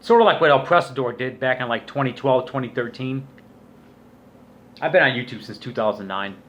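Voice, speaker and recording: Guy doing a rambly youtube rant, medium pitch, swears a lot, kinda scornful and crude. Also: expressive, brisk, fairly bright tone, lo-fi sound. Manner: crude, profanity-laden, scornful. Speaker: YouTube vlogger. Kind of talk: casual rambling commentary rant.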